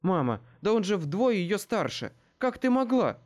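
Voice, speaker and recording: A hard-edged woman fires back at her family, sharp and indignant, her voice jumping high and lively, as a man reading a storybook puts her on. She sounds blunt and unyielding. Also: a little fast, natural voice. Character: tough, blunt woman, the elder daughter.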